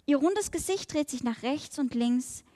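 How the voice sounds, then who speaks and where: A woman reading a children's story aloud and then reflecting on it in a gentle, measured way, in a large hall. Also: high voice, lively intonation.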